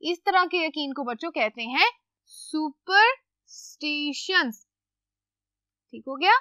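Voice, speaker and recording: High bright woman teacher. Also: animated, takes it slowly, dry recording, clean studio sound. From Pakistan. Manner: patient, asks questions and answers them herself. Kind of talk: classroom lesson for children.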